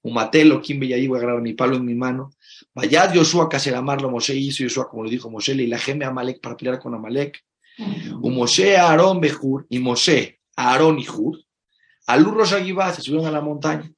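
A rabbi teaching Torah in a sermon, mixing Hebrew phrases into his Spanish, emphatic and shifting from soft, intimate asides to loud exclamations. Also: medium pitch, normal speed.

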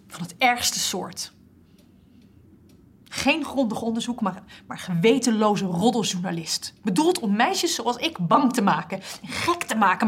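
A woman's voice: on the high side, a bit bright, slightly rough, full character voice. An actress playing a hurt, distrustful young woman with a reproachful manner in an audio drama. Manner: reproachful, then wistful.

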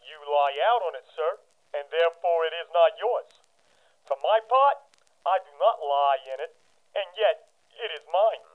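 A cheeky old-time gravedigger, voiced by a man, who twists every question into a pun. His slow delivery rises and falls widely. It comes through thin and phone-like, with faint music behind. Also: fairly high pitch, expressive. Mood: sly. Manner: quibbling, punning, sly. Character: cheeky riddling male gravedigger, working class. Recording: tinny old-radio sound.

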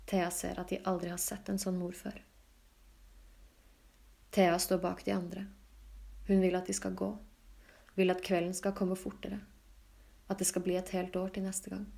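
A woman reading literary fiction aloud in a calm, even, low-key way. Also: creaky. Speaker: audiobook reader. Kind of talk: scripted literary narration.

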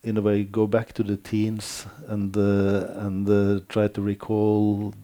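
A male interviewer with a dark, mellow voice asks his questions with plenty of hesitation. He gives frequent short agreements while the guest talks. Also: fairly low pitch, monotone, takes it slowly.

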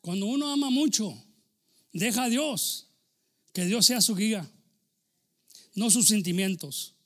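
A man preaching a sermon as pastor, swinging between loud exclamations and low asides. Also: animated, measured pace.

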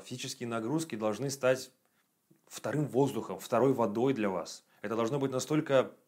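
A man in his late twenties giving a casual self-improvement monologue for his video channel, blunt and profane, with frequent fillers. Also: medium pitch. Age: 20s. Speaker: video blogger.

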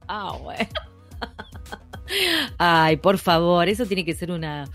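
A woman's voice: lowish voice, takes it slowly, faint music behind. A woman with a Rioplatense Spanish accent, co-hosting a casual chat, playful and laughing often. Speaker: podcast co-host.

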